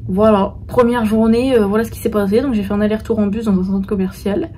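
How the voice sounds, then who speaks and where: Young French woman, casual travel vlogger, filler-heavy chat, mid pitch, noisy street sound. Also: fairly even intonation, fast, mellow. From France. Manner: chatty, informal, lots of hesitations. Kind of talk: casual travel vlog talk to camera. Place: outdoors and in small rooms and cafés in a busy city.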